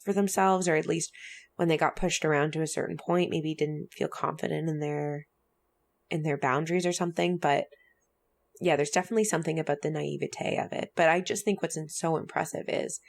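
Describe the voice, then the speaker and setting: Podcast co-host, woman, low gravelly voice, chatty storyteller. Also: fairly quick. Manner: chatty, filler-heavy, animated retelling. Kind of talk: casual storytelling chat.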